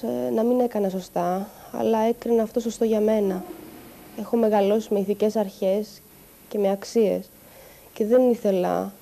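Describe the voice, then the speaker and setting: A woman giving a halting, distressed personal testimony about harassment. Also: medium pitch, creaky, warm tone, a little hiss or hum. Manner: halting, distressed, with pauses and restarts. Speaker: interviewee recounting harassment.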